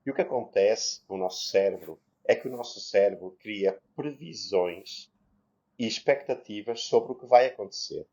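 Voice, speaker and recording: Male co-host, warm low voice, reflective, lo-fi sound. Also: normal speed. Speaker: podcast co-host. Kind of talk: casual chat, explaining. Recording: slightly muffled lo-fi sound.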